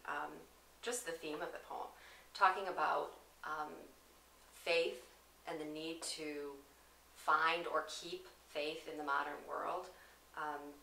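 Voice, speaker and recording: A low-pitched woman with a gravelly edge and a bright, forward tone talks earnestly about a poem she loves. She speaks thoughtfully and deliberately. She is recorded from a distance in an echoey room with faint hiss. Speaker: student's aunt reading a favorite poem. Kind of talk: poetry reading then casual reflection.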